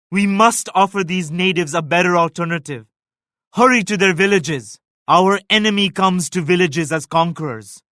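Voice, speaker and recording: A proud, devout Indian emperor, a leader character from a strategy game, delivers scripted voice lines. His voice is a little high for a man, pushed and bright, and formally solemn in measured declarations, like a pious ruler addressing a wartime ally. The recording is close and dry, with no echo.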